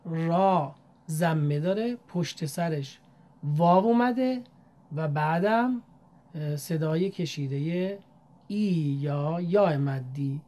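A woman teaching Quran reading, speaking politely and formally to learners and drawing out each demonstrated syllable in a measured way. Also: sits low, dark tone. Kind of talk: recitation lesson.

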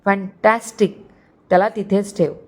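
A woman voicing a cool female crime boss who gives slow, calm commands. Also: medium pitch, natural voice. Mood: commanding.

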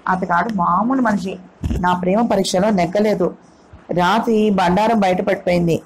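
Female reader voicing a proud, hot-headed young woman, rapid and heated, audio novel. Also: mid-range voice, fairly even intonation, a little hiss or hum, close to an everyday voice, rough recording. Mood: confiding. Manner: quick, heated and indignant.

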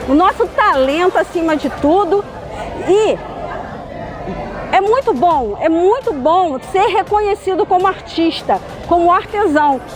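A woman's voice: very high-pitched, rough recording. A Brazilian woman artisan speaking enthusiastically in an outdoor street interview at a craft fair. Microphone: lapel mic. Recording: busy street market crowd.

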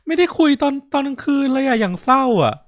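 A man's voice: very high voice, animated, normal speed, no room sound. A man giving casual let's-play commentary, chatty, reacting aloud and reading game lines. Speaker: gaming streamer.

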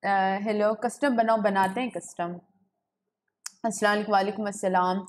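A woman's voice: mid-range voice, steady tone, normal speed. A young woman, chatting casually on a live gaming stream from home, giggling and greeting viewers. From Pakistan. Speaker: gaming livestreamer. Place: home room with a ring light. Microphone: webcam setup.

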